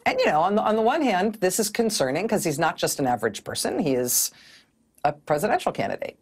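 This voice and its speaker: A middle-aged woman hosts a televised news commentary on a studio mic, wry and sardonic, often laughing mid-sentence. Her lowish voice is sing-song and brisk, with a darkish tone and a breathy edge.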